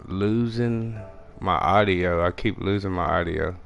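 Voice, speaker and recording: Young Texan man, low voice, country accent, mumbly and fast, gaming commentary. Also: vocal fry, soft background music. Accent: country Texas. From Texas, USA. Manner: fast mumbling talk with restarts. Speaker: gaming streamer. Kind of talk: casual gameplay commentary.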